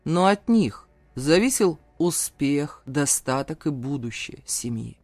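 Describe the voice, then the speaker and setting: An audiobook reader voicing a stern, powerful older father who speaks slowly and broodingly, then bursts into shouting. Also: mid-range voice, expressive, no room sound, soft background music, pitched below the performer's own voice. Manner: slow, brooding, erupts into shouting. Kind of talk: audiobook character voice.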